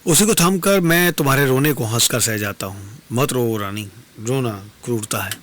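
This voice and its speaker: A serene wandering stranger, played by a male storyteller speaks in measured, philosophical and consoling tones at a mid pitch. It is a formal dastangoi performance recorded in a radio studio. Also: a bit bright, slight background noise, natural voice.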